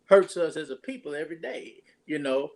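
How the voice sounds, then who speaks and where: A man's voice: on the high side, lively intonation, a little fast, a crowd in the background. A pastor, talking casually and rambling through his introduction of a guest with many restarts.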